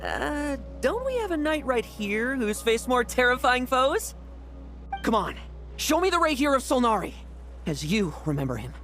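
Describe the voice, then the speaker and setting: A proud young knight from a video game, speaking in a fairly high, very animated voice. The delivery is cocky and challenging, with defiance in it. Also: female voice, moderate pace, faint music behind. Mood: determined.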